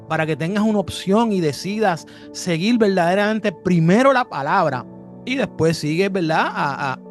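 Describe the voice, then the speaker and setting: A man with a fairly high voice hosts an interview, affirming and quick to agree with his guest. Faint music sits behind him. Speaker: host. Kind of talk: interview hosting.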